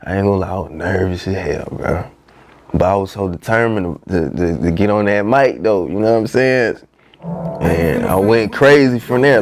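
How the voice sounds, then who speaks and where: A young man with a fairly low, darkish voice, carrying a bit of hiss or hum, tells his story as a rapper guesting on a podcast. His talk is loose and slangy, sprinkled with "you know what I'm saying," in a casual storytelling interview.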